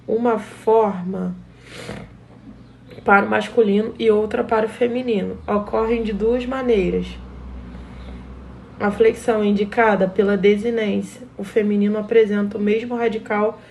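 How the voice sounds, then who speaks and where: A woman teacher with a Brazilian Portuguese accent talks through a grammar lesson in a steady, mid-pitched voice. She explains each rule in small steps and keeps checking in with her pupils. A faint noise sits under the recording. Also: vocal fry. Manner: explains step by step, often adds a checking "tá?".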